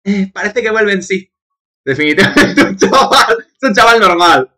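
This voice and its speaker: A man's voice: sits high, lively intonation, moderate pace, pushed and bright. A young man with a Spain Spanish accent streaming a game, chatting casually and cursing as he talks to his chat. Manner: chatty, profane, laughing asides to chat. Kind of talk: casual live-stream commentary.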